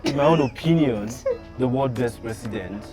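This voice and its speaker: A man's voice: medium pitch, moderate pace, over music. A man with a Nigerian accent chatting casually and teasingly with his partner, talkative and playful. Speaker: partner in a long-distance couple. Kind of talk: casual chat.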